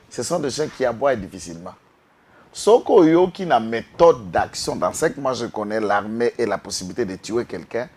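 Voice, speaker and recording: A man's voice: medium pitch, a little mellow, slightly rough. A man from Congo, speaking with passion as a guest on a political talk show and mixing in Lingala. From Congo-Kinshasa. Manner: impassioned, switches between French and Lingala, rises to outbursts.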